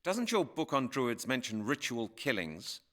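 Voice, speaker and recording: A man's voice: medium pitch, big pitch swings, measured pace, a bit bright. An actor playing a male detective in a video game, asking questions politely. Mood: inquiring. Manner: polite, inquiring. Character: male detective investigating murders. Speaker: game character.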